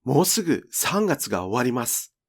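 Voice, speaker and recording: Japanese pronunciation is taught here by a man reading a script in a measured, clear, instructive manner. He keeps the pace slow while his pitch stays lively.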